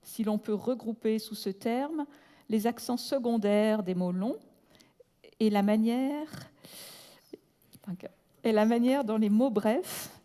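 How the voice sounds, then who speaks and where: A woman's voice: fairly high pitch, warm tone. Woman reading a lecture in a reverberant hall. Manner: measured, deliberate, slows to spell out terms; breaks off with brief asides in English. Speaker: conference speaker. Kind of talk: reading a prepared academic lecture.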